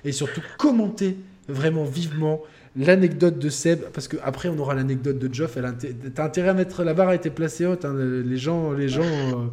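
Brief: male podcast host, relaxed joking banter, somewhat high pitch. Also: brisk. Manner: lively, joking, laughs often. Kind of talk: casual chat.

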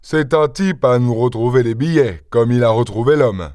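A man voicing a brutish, angry peasant farmer in an audiobook, gruff and bullying. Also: mid-range voice, normal speed, darkish tone, dry recording, natural voice. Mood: uneasy. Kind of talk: audiobook character voice.

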